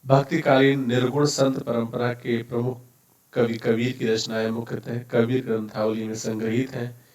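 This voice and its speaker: A man's voice: medium pitch, a little mellow. Man teaching, roomy and distant. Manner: explains each term step by step; self-correcting restarts. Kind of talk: classroom lecture.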